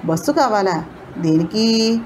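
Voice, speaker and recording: A woman's voice: fairly high pitch, animated, brisk, a little mellow, a little hiss or hum, natural voice. A woman voicing a rude young male ticket clerk who speaks in a sarcastic, mocking way.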